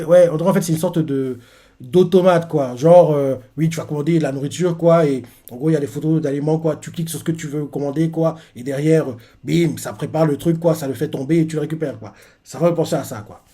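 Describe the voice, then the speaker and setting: French guy reacting live, lots of euh and quoi, highish voice. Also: a little fast, dark tone. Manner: rambling, with many fillers and self-corrections. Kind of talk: live manga chapter reaction.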